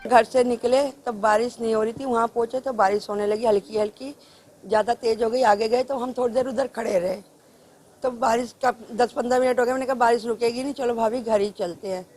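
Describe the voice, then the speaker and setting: A woman's voice: fairly high pitch, fairly even intonation, a little fast. A woman recounting an accident to a news reporter step by step as an eyewitness. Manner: recounts events step by step, acts out shouts. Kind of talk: news interview testimony.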